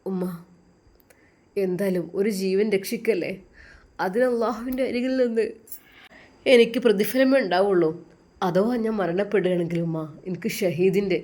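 A woman voicing a devout young man who speaks softly and earnestly in a storybook tale. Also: mid-range voice, normal speed, long pauses, close to an everyday voice.

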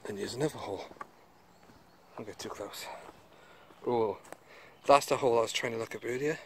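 This vlogger's voice is mid-range and a bit bright, at a normal speed, as he casually narrates exploring the woods outdoors and a cave, exclaiming at his finds. His handheld camera mic picks up a little hiss or hum.

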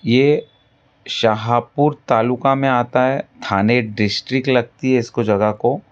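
A man selling farmland in a voice-over, repeating his selling points in a pitchy salesman's patter. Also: steady tone, measured pace, highs cut off. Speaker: land broker. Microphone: voice-over over drone footage.

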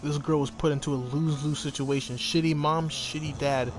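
A young man commentating a video game playthrough, excitable and profane, reacting loudly to the action. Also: on the high side, brisk, slight background noise. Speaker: gaming channel host. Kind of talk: casual let's-play commentary.

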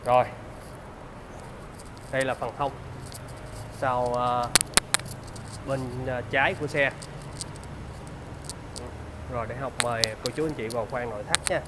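A man in his thirties with a southern Vietnamese accent, giving a used car salesman's walkaround pitch in polite, repetitive sales patter. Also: steady tone, unhurried, pauses often, heavy background noise. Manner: salesman's patter, polite address and repeated selling points. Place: large open car service bay.

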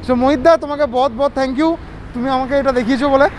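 Vlogger speaking through a face mask, fast and high, faint traffic behind. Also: male voice, steady tone. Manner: chatty and enthusiastic, mixing English into Bengali. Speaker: food vlogger host. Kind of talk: casual food vlog talk to camera. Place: roadside tea stall by a busy road, outdoors. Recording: faint outdoor traffic noise. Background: traffic noise.

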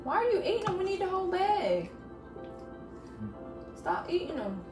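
A woman's voice: extremely high pitch, sing-song, normal speed. A young woman co-hosting a home cooking vlog, following the recipe and scolding her partner in a practical, matter-of-fact way. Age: young adult. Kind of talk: casual cooking vlog chat. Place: home kitchen. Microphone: phone camera some distance away. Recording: echoey kitchen from a distance, music behind.

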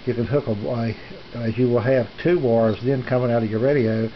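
An amateur radio hobbyist gives a casual, rambling video tour of his equipment in a small indoor home radio room, speaking in a halting, folksy way from behind a handheld camera. His mid-range voice is steady, and the camera's built-in mic yields dull, lo-fi audio with a noisy room.

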